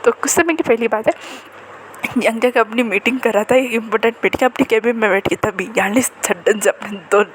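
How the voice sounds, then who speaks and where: A woman's voice: a little high, fairly quick, slight background noise, rough recording. A woman casually narrating a fan-fiction romance story in a chatty, conversational way.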